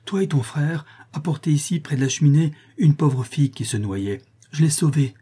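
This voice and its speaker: A man voicing a fierce, frantic woman shouting. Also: on the high side, expressive, moderate pace, husky, pitched above the performer's own voice. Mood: commanding. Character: fierce desperate young woman, wild and loud.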